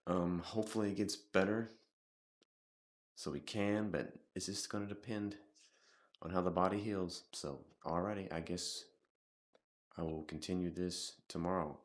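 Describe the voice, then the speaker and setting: A man with a remarkably deep, low voice talks casually to his camera while nursing a sore throat. He rambles and halts, restarting his sentences and filling gaps with ums. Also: fairly even intonation. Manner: rambling, halting, with many restarts and fillers. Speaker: vlogger. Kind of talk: casual vlog monologue.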